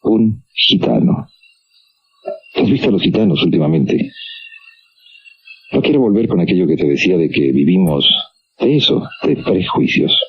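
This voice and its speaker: An older man with a Mexican Spanish accent and an extremely deep, husky voice, thinking aloud on the radio. He keeps turning to the listener with questions. The sound is muffled and lo-fi, like an old AM broadcast tape. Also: very animated, normal speed, long pauses. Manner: musing, talks straight to the listener with many questions. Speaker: radio host. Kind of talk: reflective radio monologue. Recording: dull lo-fi 1990s AM radio recording.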